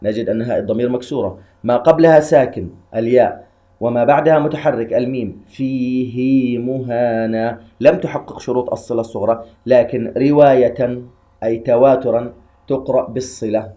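With a dark tone at medium pitch, a man calmly teaches the rules of Quran recitation, chanting short verses slowly between explanations. The recording sounds muffled.

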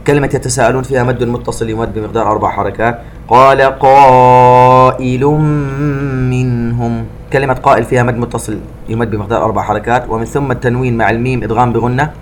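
A man giving a tajweed lesson. He recites each phrase slowly and fully, then explains the pronunciation rule in a quick, quieter voice. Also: mid-range voice, a little hiss or hum. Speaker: Quran recitation teacher.

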